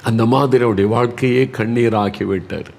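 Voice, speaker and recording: Male preacher, mid-pitched, emotive devotional sermon, heavy repetition for emphasis. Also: steady tone, creaky. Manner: emotive, repeats words for emphasis; moves between soft, slow lines and raised, pressing ones.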